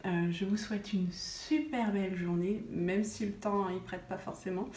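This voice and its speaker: A woman's voice: mid-range voice, fairly even intonation, normal speed, darkish tone. A woman vlogging about wellness in a casual chat to the camera, chatty and full of hesitations. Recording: roomy sound with faint noise.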